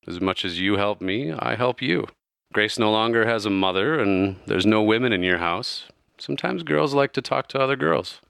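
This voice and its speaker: A man voicing a serene, divine female patron spirit, speaking slowly and solemnly. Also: fairly low pitch, creaky, a bit bright, clean tone, no room sound, clean studio sound.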